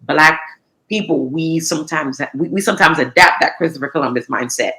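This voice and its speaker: Low-pitched, a little fast and sharp in tone, this American woman in her thirties is a guest on an interview, discussing her recycling business in a casual, chatty way. She frequently restarts sentences and leans on filler words.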